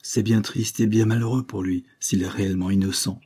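A man's voice: on the low side, steady tone, fairly quick, mellow, slightly rough. A man reading a worried female servant. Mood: troubled. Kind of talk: audiobook character reading.

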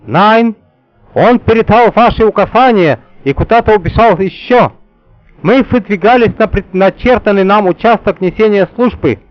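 A man's voice: high-pitched, moderate pace, no room sound, highs cut off, soft background music, voice pushed up, lightly acted. Barking German ambassador, as a male narrator puts him on. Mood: barking zeal. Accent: put-on German. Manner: barking, loud, parade-ground. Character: blustering German male ambassador, military zeal.

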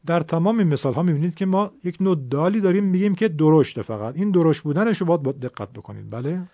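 A middle-aged man teaching Quran recitation, explaining patiently and demonstrating sounds slowly. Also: fairly high pitch, lively intonation, dry recording. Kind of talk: explanatory lesson. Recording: dull lo-fi recording.

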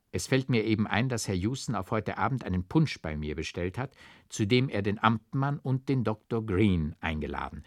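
A man reading a classic literary tale as an audiobook, with expressive, rhythmic storytelling. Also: medium pitch, no room sound, clean studio sound. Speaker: audiobook reader.

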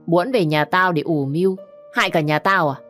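A woman voicing a fiery young woman who scolds and mocks in quick bursts. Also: fairly low pitch, lively intonation, faint music behind, close to an everyday voice. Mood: mocking. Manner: scornful, rapid scolding. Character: sharp-tongued young woman, fiery and mocking.

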